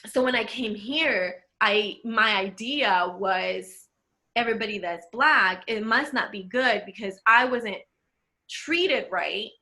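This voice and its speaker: A woman from El Salvador talking casually with a friend on a podcast, animated and laughing often. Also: medium pitch, slow. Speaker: podcast co-host. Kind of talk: casual conversation.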